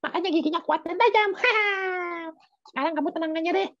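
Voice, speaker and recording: A woman voicing a small, brave, chatty mouse in a children's story, full of quick exclamations, over video call audio. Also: very high-pitched, fairly bright tone, muffled recording. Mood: cheerful.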